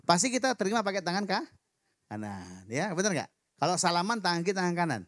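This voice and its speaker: A man preaching a sermon in a church, lively and joking with the congregation. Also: high voice, quick pace, dry recording, studio quality. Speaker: pastor. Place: church hall.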